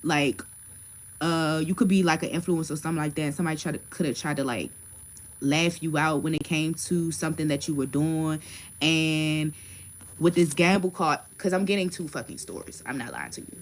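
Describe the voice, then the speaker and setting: A woman's voice: low-pitched, fairly quick, slight background noise. A woman in her thirties doing a casual tarot reading livestream, talking bluntly and emphatically with frequent swearing. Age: 30s. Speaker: tarot card reader.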